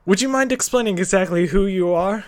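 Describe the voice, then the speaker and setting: A man playing an indignant, put-upon low-paid worker in a tabletop role-play, over-polite, clipped and aggrieved. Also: fairly quick, lightly acted. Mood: indignant politeness.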